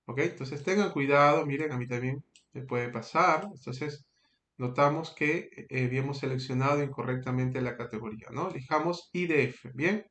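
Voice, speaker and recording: A man's voice: mid-range voice, moderate pace, a bit bright, echoey room. A man teaching a statistics lesson, walking through each step patiently and checking in with frequent tag questions. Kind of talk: screen-recorded tutorial.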